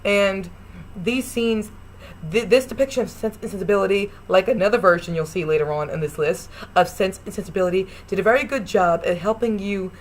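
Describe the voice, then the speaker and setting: A woman's voice: medium pitch, fairly quick, slight background noise. A young woman casually reviewing and ranking films, talking in a chatty, rambling way with restarts and gushing praise. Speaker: vlogger ranking film adaptations.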